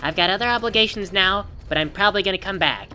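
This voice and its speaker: A woman's voice: medium pitch, fast, pushed and bright, slight background noise. A woman hosting a rambling video game commentary in a wry, sarcastic manner. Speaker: gaming video host.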